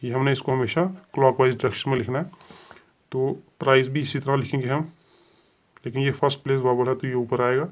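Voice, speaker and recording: A man's voice: medium pitch, fairly even intonation, fairly quick. A man teaching a shorthand lesson step by step, patiently sounding out letters and repeating set phrases. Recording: dull lo-fi sound.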